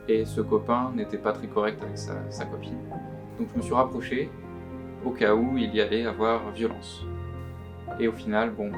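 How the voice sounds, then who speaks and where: A young man giving anonymous testimony, his voice disguised by being pitch shifted deeper, speaking earnestly and haltingly. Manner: earnest, halting, often repeats words. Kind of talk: recorded testimony, answering questions. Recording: guitar music underneath. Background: plucked guitar music.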